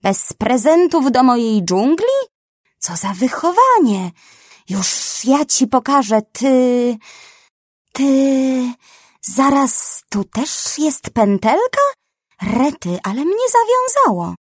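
A woman voicing a greedy, pompous male jungle snake, with slow, drawn-out threats. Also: mid-range voice, sing-song, darkish tone, slightly rough, no room sound, clean studio sound, full character voice. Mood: furious.

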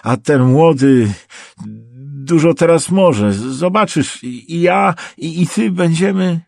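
A man's voice: on the high side, takes it slowly, vocal fry, darkish tone, no room sound, studio quality, voice pushed up. A man voicing an injured, panicking male prosecutor who stammers and pleads. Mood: panicked.

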